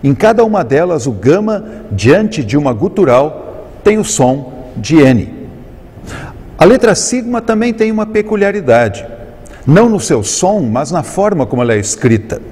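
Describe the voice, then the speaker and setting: A man with a Brazilian Portuguese accent teaching Greek in a recorded lesson, explaining terms slowly and carefully and drawing out each Greek word. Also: on the high side, big pitch swings, a little mellow, breathy edge. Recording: long reverb on the voice.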